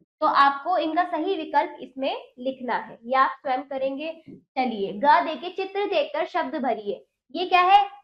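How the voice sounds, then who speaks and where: A woman teacher reading a children's textbook lesson aloud with slow, deliberate diction and quizzing the children with questions. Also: high voice, animated. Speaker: primary school Hindi teacher. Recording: roomy, dull lo-fi sound.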